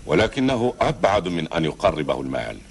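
A grave, regretful Bedouin nobleman with a booming historical-epic delivery. The voice is extremely deep and gravelly, on an old soundtrack with faint noise. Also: big pitch swings, a little fast, heavily acted. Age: middle-aged. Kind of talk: solemn classical Arabic historical TV drama acting.

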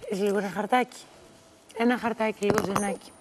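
Female TV host, mid-pitched, gentle questions, faint noisy studio. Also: fairly even intonation. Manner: soft, caring questions. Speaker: talk show host. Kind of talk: gentle interviewing.

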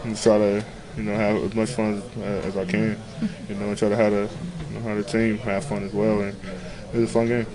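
Low, flat-voiced young man in a scrum. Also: fairly quick, hardly any pauses, a crowd in the background, poor audio. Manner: low-key, flat, many "you know" fillers. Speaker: basketball player. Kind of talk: postgame media interview. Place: locker room, indoors. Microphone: handheld reporter mics close to face.

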